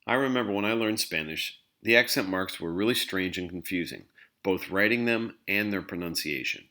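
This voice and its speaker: Male language teacher, very low voice, patient scripted explainer. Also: moderate pace, bright, forceful tone. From English-speaking country. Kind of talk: scripted instructional narration.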